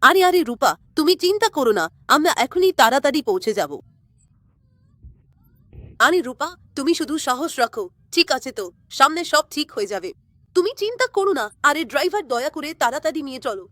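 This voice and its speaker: Woman, doll story voices, urgent, lively pitch, bright, dry recording. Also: brisk, no room sound. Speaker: doll story narrator and voice of the girls. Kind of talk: dolls story cartoon voicing.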